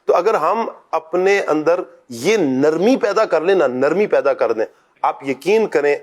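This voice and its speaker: A man's voice: fairly high pitch, lively intonation. A man speaking as a religious scholar in a discussion, preaching and asking and answering his own questions.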